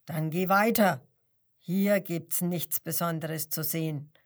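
A woman's voice: on the low side, animated, unhurried. A woman voicing a grumpy, bored male lion in a zoo story, grumbling and sulky.

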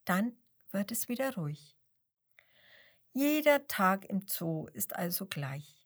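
Slow, expressive woman reading a children's story. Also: medium pitch.

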